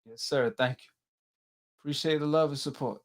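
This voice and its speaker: Higher-voiced man hosting casual sports chat. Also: fairly even intonation, normal speed. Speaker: host of a boxing call-in show.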